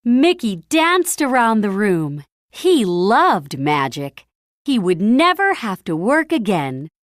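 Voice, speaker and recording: Reading a children's story as its narrator, a woman speaks in a bright, sing-song way, taking her time at a slightly slow, measured pace. Important phrases get dramatic weight, the audio is dry without any room echo, and her voice sits at medium pitch.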